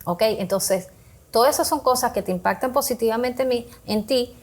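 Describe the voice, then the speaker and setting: A woman's voice: on the high side, moderate pace. A woman guest on a talk show, explaining how to handle emotions with everyday examples and acted-out bits of self-talk. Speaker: guest speaker on emotional health.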